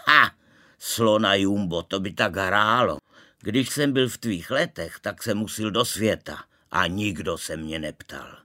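A man voicing a gruff, grumbling, penny-pinching middle-aged father in a storybook reading. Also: sits low, animated, fairly bright tone, heavily acted.

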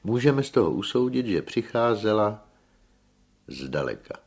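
A man reading aloud and voicing a pompous young male engineer who lectures slowly and emphatically, rolling his R's. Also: on the low side, sing-song, slightly rough, voice pushed up, full character voice. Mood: lecturing. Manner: slow, emphatic lecturing with rolled R.

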